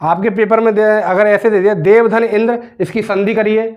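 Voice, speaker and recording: A man teaching a grammar lesson, asking questions and answering them himself and repeating words slowly as he spells them out. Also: sits high, steady tone, muffled recording.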